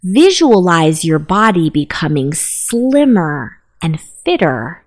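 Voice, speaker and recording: A woman narrating a guided meditation, giving gentle, unhurried instructions. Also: fairly low pitch, very animated.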